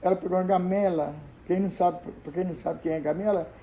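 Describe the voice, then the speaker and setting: A woman's voice: fairly low pitch, fairly even intonation, quick pace, mellow, a little hiss or hum, low-quality recording. An older woman from Brazil telling childhood memories in a homely, casual way, acting out the dialogue of the people in her story. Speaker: storyteller answering viewer questions.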